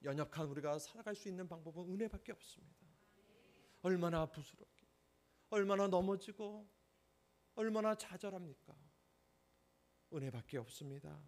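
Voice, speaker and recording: Fairly high-voiced male pastor preaching. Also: normal speed, pauses often, a little mellow. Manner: emphatic, asks the congregation questions. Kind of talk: sermon.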